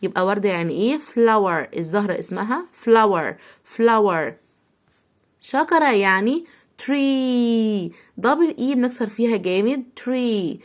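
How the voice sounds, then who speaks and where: A woman's voice: medium pitch, animated. A woman with an Egyptian Arabic accent teaching English vocabulary to children. She spells each word out syllable by syllable and has the listener repeat it after her. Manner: sounds out words slowly, syllable by syllable, and repeats them.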